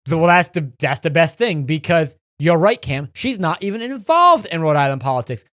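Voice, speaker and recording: A man's voice: on the high side, big pitch swings, normal speed, a bit bright, dry recording, studio quality. A young man in his twenties, a podcast co-host telling a rambling, profane story in casual chat.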